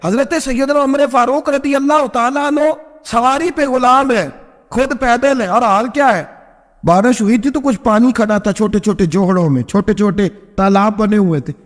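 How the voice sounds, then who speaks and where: A male preacher delivers a storytelling sermon with a high, ringing voice that climbs to fervent peaks and then sinks low for quoted lines. His words carry a long reverb tail, as if spoken in a large hall. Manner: impassioned, rising to high emphatic peaks and dropping low in quoted speech.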